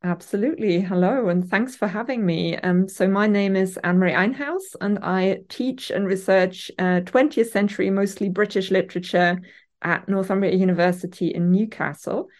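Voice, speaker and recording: In a remote call from her university office, a literature academic with a German accent answers interview questions conversationally, her mid-pitched voice a little mellow and her pace moderate. She thinks aloud, hesitating with frequent ums and restarting her sentences as she builds each point about her research.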